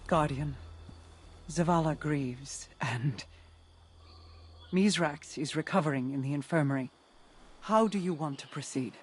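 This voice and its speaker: An actress playing an ancient, regal woman in a video game, solemn, formal and sorrowful in measured phrases. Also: deep voice, a little hiss or hum. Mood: grave counsel. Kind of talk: dramatic video game acting.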